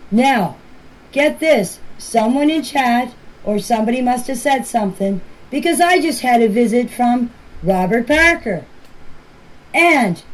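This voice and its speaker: This is a woman with a high voice, chatting casually and plainly as though leaving voice messages for a group chat. The amateur clip is rough in quality.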